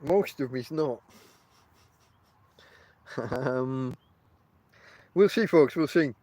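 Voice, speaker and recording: A middle-aged podcast host with a mid-range, slightly mellow voice talks very slowly, his lips folding over toothless gums as he shapes words. He rambles casually in wry, self-deprecating banter, and the recording is dry.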